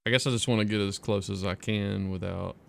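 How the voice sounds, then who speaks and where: A man's voice: lowish voice, fairly even intonation, fairly quick, vocal fry, a little hiss or hum. A man playing a tabletop role-playing game, talking casually through what his character does.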